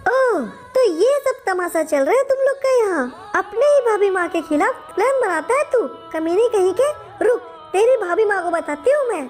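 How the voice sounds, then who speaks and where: A meddling, gossiping aunty accuses and tattles in a squeaky, very high voice. She sounds sharp and nosy throughout this game story skit. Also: expressive, normal speed, few pauses, soft background music. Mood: accusing.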